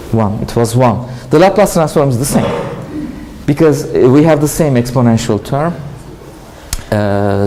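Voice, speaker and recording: A university lecturer with a Turkish accent, a native Turkish speaker, giving a classroom lecture and often asking questions, then answering them himself. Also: male voice, mid-range voice, dark tone, slight background noise, rough recording. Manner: explanatory, asks and answers his own questions. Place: lecture hall.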